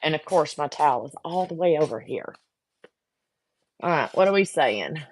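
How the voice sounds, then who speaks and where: A woman's voice: low voice, lively intonation, moderate pace. A woman chatting casually to viewers while she works on a craft project, getting frustrated and talking to herself. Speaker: craft vlogger. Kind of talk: casual chat while working.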